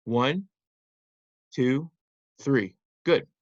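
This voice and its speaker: Male primary teacher, mid-pitched, simple instructive delivery with check-in questions, dry but slightly dull recording. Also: extremely slow, no room sound. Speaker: teacher of young children. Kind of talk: simple interactive children's lesson.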